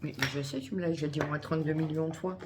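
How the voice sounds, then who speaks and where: A woman's voice: low voice, fairly even intonation, rapid-fire, background noise. A woman vlogging in casual chat to camera, chatty and swearing freely, talking through a headset.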